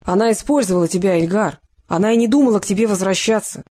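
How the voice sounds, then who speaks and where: A reader voicing a cold, mocking male interrogator in an audiobook who needles and shouts down a suspect. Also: mid-range voice, fast talker, lightly acted. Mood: shouting. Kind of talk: audiobook character reading.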